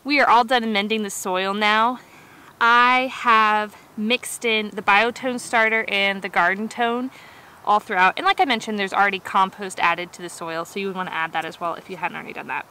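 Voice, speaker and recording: Working outside for her gardening vlog, a woman in her thirties explains her tasks in a casual, conversational instructional style. Her mid-range voice is bright and forceful, steady in tone, at a moderate pace. Clear outdoor noise is audible, and the recording quality is low.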